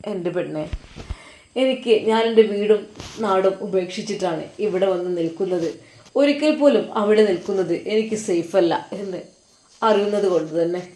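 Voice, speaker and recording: A woman with a Malabar Malayalam accent voicing a grieving young husband who speaks softly and tearfully. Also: natural voice. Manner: soft, tearful, low murmuring. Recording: roomy echo.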